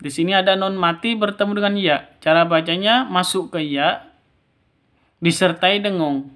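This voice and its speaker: A man's voice: sits high, moderate pace, fairly bright tone, smooth. A man teaching Quran reading rules step by step, patient, repeating each rule twice. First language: Indonesian. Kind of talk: step-by-step recitation lesson.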